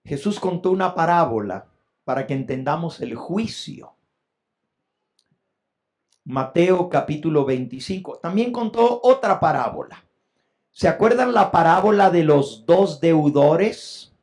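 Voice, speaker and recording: High-voiced, slow-preaching male pastor. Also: animated. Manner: preaches with swelling emphasis, rising loud on key points. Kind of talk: sermon.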